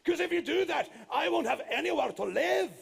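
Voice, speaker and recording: A man voicing a huge, blustering, boastful male giant ogre who shouts and stammers when flustered. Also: very high voice, sing-song, unhurried, gravelly, voice pushed up, exaggerated voice. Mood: panicked. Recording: live stage with music.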